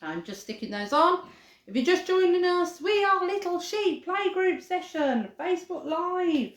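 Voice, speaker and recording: A woman's voice: very high voice, expressive, a little slow, roomy sound. A woman in her forties, a playgroup leader, showing a children's craft and reading a storybook aloud in a playful, giggly way.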